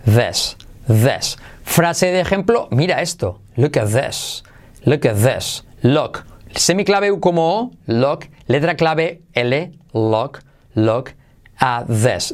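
An energetic man teaches pronunciation on a podcast, repeating each example word slowly and deliberately. His voice sits a little higher than most men's. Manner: energetic, drills words by slow repetition.

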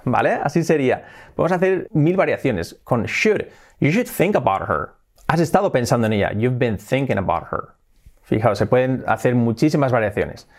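A man's voice: medium pitch, sing-song, moderate pace. A man teaching an English lesson, asking questions to his learners and answering them himself, with short laughs between examples. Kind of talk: language lesson.

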